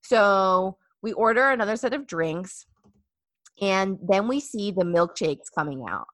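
A woman's voice: medium pitch, lively intonation, measured pace, a bit bright, no echo, clean studio sound. A young woman hosting a casual chat, telling a story animatedly with many fillers and acted-out quotes.

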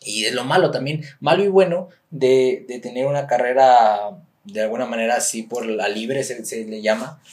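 A young man with a Mexican accent, a boxer being interviewed, talking in a relaxed, rambling way with many fillers. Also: mid-range voice, normal speed. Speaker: guest, professional boxer. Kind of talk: casual interview chat.

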